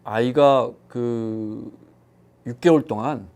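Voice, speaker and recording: A man's voice: medium pitch, slow pace, creaky. A middle-aged man chatting on a talk panel, telling personal stories and acting out quoted voices. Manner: storytelling, animated quoting of others. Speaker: economics show panelist. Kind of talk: casual chat.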